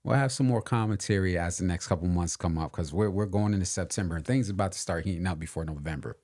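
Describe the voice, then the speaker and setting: A very low-voiced man co-hosting a podcast in casual conversation. He talks in an opinionated, emphatic way and repeats his key points slowly to drive them home. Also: a little mellow. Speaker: podcast co-host. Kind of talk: casual political and hip hop chat.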